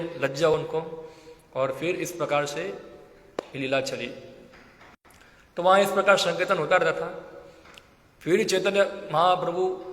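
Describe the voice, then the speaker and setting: Male preacher, storytelling sermon, slightly high voice, roomy reverberant hall. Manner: lively storyteller, acts out quoted voices, laughs often. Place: temple hall. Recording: echoey hall with long reverb.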